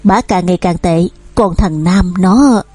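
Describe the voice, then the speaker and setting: A woman's voice: on the low side, unhurried, a little mellow, breathy edge, dry recording, faint music behind. A woman voicing a harsh, scolding old father who owns a company. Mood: weary. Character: stern angry old father, a company owner.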